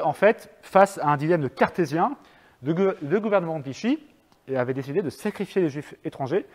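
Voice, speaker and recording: A man's voice: on the high side, darkish tone. A French man giving a public talk to an audience, chatty and hesitant with many fillers and restarts. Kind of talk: lecture with audience questions. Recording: long reverb of a hall.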